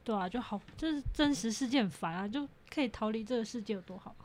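A young woman chats casually as a podcast guest. She sounds giggly and teasing, and her voice sits on the higher side. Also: quick pace, darkish tone. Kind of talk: casual chat.

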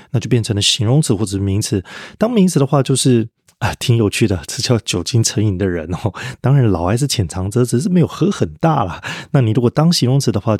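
A man's voice: mid-range voice, a little mellow, slightly rough, dry recording, clean studio sound. A man teaching English vocabulary in a podcast lesson, explaining word roots step by step and spelling words out letter by letter.

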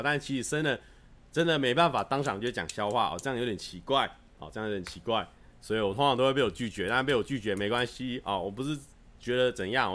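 Playful man chatting on a livestream. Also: medium pitch. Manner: animated storytelling, acting out scenes; playful, self-mocking humor. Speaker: livestream host. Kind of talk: casual chat with live viewers.

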